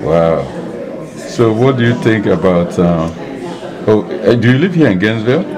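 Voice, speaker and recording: A man interviewing mourners at a church memorial service, chatty, with many quick affirmations and hesitant fillers. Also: fairly low pitch, animated, a crowd in the background. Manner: warm, chatty, frequent affirmations. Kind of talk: casual interview. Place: church hall.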